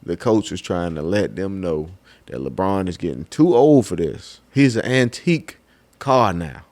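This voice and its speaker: A man's voice: deep voice, expressive, measured pace, a little mellow. A man in a casual sports debate, talking in an informal, slangy and emphatic way. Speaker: sports talk co-host.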